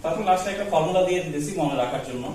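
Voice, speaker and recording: A man teaches a class, tossing questions at students and waiting for their answers. His voice sits a little high for a man. It comes from far off in a very echoey room with a faint hiss. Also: animated, racing, a little mellow. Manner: quizzing students with call-and-response questions. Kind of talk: classroom lecture.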